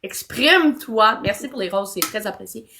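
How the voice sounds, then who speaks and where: A woman's voice: medium pitch, lively intonation, normal speed, bright, forceful tone, slight background noise. A woman with a Québécois French accent hosting a live stream, talking casually and encouraging her guest. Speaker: livestream host.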